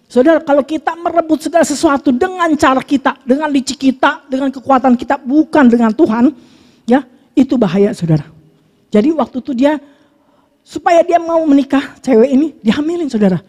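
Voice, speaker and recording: A woman's voice: high voice, fairly quick, a little mellow. A woman pastor giving a conversational sermon, reading scripture and telling everyday stories while often addressing her listeners directly. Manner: casual preaching, keeps addressing listeners as brothers and sisters.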